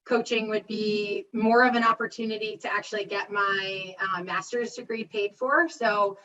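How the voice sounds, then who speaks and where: A woman coach on a panel, speaking in a quick, easygoing way. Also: mid-range voice, fairly even intonation, bright, forceful tone. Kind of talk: panel discussion. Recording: distant, lo-fi sound.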